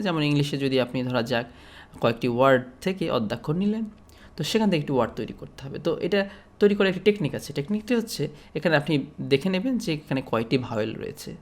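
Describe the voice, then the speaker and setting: A Bangladeshi man with a slightly high voice gives an explanatory lecture as a teacher. His delivery is steady, broken up by frequent pauses and fillers.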